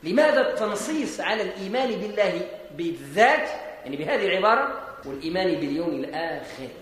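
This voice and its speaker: Moroccan male preacher, higher voice, emphatic explanatory sermon, very echoey hall recording. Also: very animated, fast talker, fairly bright tone. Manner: explanatory, mixing formal speech with dialect, emphatic rises. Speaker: Islamic preacher. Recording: echoey hall with long reverb.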